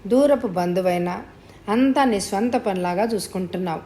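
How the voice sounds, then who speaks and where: A woman's voice: mid-range voice, moderate pace, mellow, lightly acted. A woman reading the part of an older wealthy lady who speaks in an earnest, confiding way in an audio story.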